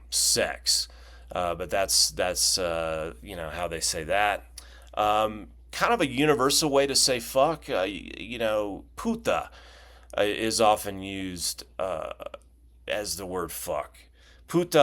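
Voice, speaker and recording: A man with a fairly low voice talks through a relaxed vlog-style lesson. He rambles, restarts his sentences and drops joking asides as he goes. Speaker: language video host.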